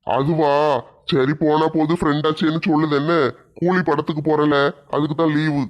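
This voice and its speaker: A man's voice: fairly high pitch, level tone, normal speed, highs cut off, voice pushed down, close to an everyday voice. A man voicing an easygoing young male worker, sounding set back from the mic and a little sheepish.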